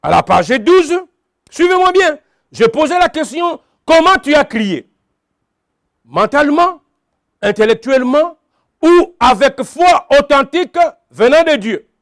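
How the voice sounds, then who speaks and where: A man's voice: very high voice, very animated, unhurried, dry recording, studio quality. A man preaching a sermon, emphatic and repetitive, calling out to his congregation. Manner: emphatic, repeats phrases, calls out to the congregation.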